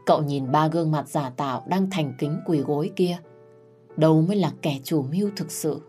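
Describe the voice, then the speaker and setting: A woman narrating a scripted story in a steady, even storytelling manner. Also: deep voice, moderate pace. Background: faint music.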